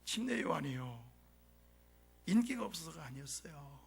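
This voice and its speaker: A man preaching a sermon as a pastor, with a dramatic delivery that swings from shouts to hushed whispers, in a church sanctuary. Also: on the high side, very animated, moderate pace, vocal fry, slightly rough.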